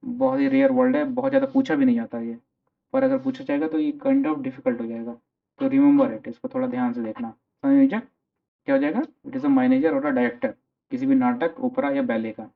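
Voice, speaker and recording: A man's voice: medium pitch, big pitch swings, moderate pace, gravelly. A male teacher with an Indian English accent gives a vocabulary lecture in mixed Hindi and English, asking and answering his own questions. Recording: tinny phone-like sound.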